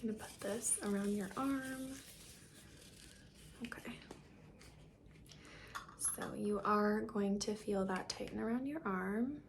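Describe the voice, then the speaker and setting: A woman in an ASMR role-play as a caring doctor, speaking softly and breathily with gentle reassurance. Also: medium pitch, slow pace, long pauses, a little hiss or hum. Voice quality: breathy, soft. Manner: soft-spoken, gentle, reassuring, soft-spoken. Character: caring, reassuring female doctor giving a check-up. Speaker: ASMR performer playing a doctor.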